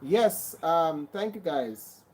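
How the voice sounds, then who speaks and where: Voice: mid-range voice, lively intonation, slow, darkish tone, breathy edge, rough recording. A livestream host with a Grenadian accent, chatting casually and greeting and thanking viewers by name, often repeating herself.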